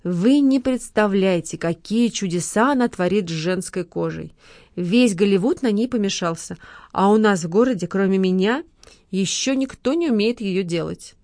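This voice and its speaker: A woman's voice: mid-range voice, animated, normal speed, a little mellow, no room sound, clean studio sound, close to an everyday voice. A woman voicing a chatty, proud beautician with a fussy, gushing manner.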